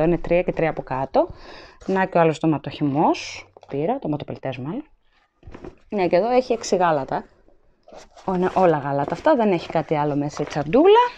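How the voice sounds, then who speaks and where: A woman's voice: medium pitch, darkish tone. A woman chatting casually as she shows her supermarket shopping to a handheld camera at home, listing items and weights. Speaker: vlogger. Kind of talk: casual haul vlog narration. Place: indoors at home, at a table. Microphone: handheld phone camera, filming items up close.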